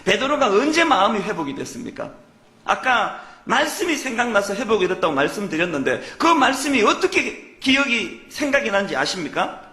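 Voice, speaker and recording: A pastor from Gyeongsang, South Korea preaches a sermon in a church sanctuary, his voice high-pitched, sing-song, sharp and fairly quick. He is earnest and emphatic, asking many rhetorical questions, and the hall sounds echoey.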